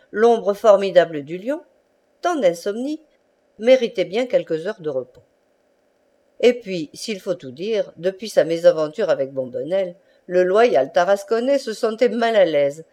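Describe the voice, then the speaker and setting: A woman narrating a classic novel as an audiobook reader, measured and expressive. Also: on the low side.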